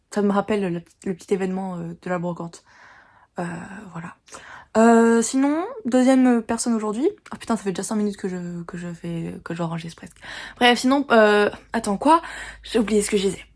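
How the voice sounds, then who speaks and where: A teenage girl from France telling a story in a chatty, animated vlog, venting about her day. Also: mid-range voice. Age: teens. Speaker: vlogger.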